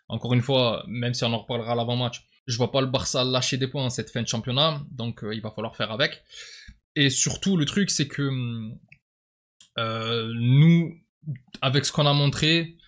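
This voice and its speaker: A man's voice: medium pitch, a bit bright. Hesitant southern French man. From southern France. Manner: hesitant, repeats words, sighs often. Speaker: football vlogger. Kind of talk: casual football debrief.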